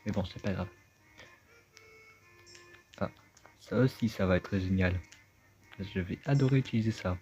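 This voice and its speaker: A man's voice: low-pitched, a little slow, long pauses, a little mellow. A man giving casual, chatty gameplay commentary, thinking aloud as he plays. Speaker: let's play gamer. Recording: dull lo-fi sound with game music.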